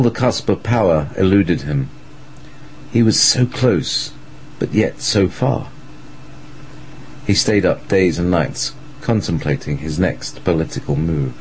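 A man with a low voice narrates a scripted story in a dramatic style. The recording carries clear background noise. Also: a little mellow, poor audio.

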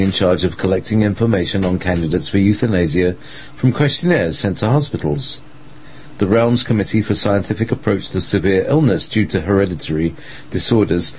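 A man's voice: low-pitched, a little mellow, slight background noise, poor audio. A man reading a scripted story as a dramatic narrator.

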